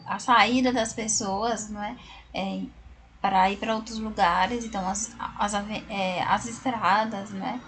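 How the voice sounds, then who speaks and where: A Brazilian woman teaches a recorded class, explaining word by word and often checking in with tag questions. Her voice is medium-pitched and fairly bright, with a Brazilian Portuguese accent and a little hiss or hum in the background.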